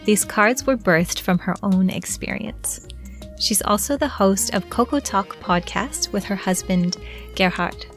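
A woman hosts a podcast, speaking in a gentle, measured and caring way at a middle pitch. Faint music plays softly behind her voice. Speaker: podcast host. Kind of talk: podcast introduction and interview.

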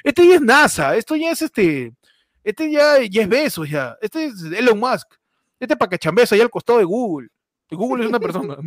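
A man hosting a podcast, joking excitedly and laughing as he plugs a friend's channel. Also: high-pitched. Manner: excitable, laughing, playfully mock-amazed. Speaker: podcast host. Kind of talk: joking podcast banter with live promotion.

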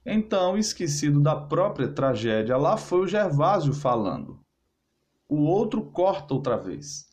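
A man narrating a short story aloud with expressive, varied delivery. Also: on the high side, measured pace. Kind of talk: dramatic reading of a short story.

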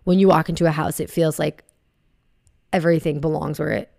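Low, gravelly young woman chatting. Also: fairly quick, no room sound, clean studio sound. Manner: relaxed, rambling, many fillers. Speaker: podcast co-host. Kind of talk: casual chat. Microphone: podcast microphone.

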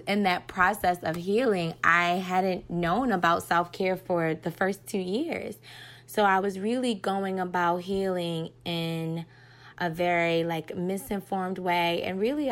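A woman in her thirties speaks into her phone in an unhurried, reflective voice note. Her voice sits on the low side and she takes her time with each thought, sincere and personal. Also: fairly even intonation. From United States. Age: 30s. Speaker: podcast listener. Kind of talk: voice note message.

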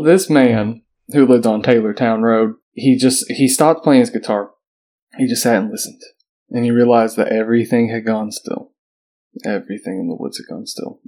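Brief: male podcast host, mid-pitched, reads a creepy story aloud with wry asides. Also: darkish tone. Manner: reads an article aloud, breaking off for joking asides. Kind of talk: casual podcast chat, reading a story aloud.

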